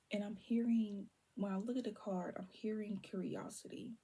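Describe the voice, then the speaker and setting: A young woman talks viewers through a tarot spread in an unhurried, hushed way, often dropping into soft whispers. Her voice is deeply breathy and husky, with a gravelly rasp at the ends of phrases and a mellow, dark tone. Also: fairly even intonation. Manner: drifts between low talk and soft whispers, trails off; holds her voice down on purpose. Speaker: tarot reader. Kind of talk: casual tarot reading to viewers.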